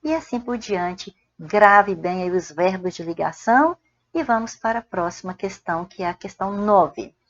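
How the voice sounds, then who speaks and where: A woman's voice: mid-range voice, lively intonation, muffled recording. A Brazilian woman teaching Portuguese grammar, drawing out example sentences word by word and checking in with "certo?". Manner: slow, deliberate dictation of examples, frequent "ó" and "certo?". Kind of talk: spoken grammar lesson.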